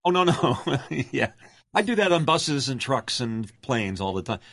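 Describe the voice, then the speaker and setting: A man's voice: medium pitch, sing-song, measured pace, a bit bright, no echo, studio quality. A middle-aged man, a radio announcer, telling stories in a casual interview with a projected announcer delivery.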